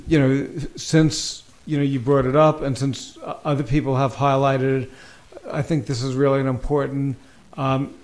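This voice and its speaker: Man, town board member, hesitant and apologetic, very flat monotone delivery. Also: mid-range voice, normal speed. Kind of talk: meeting remarks.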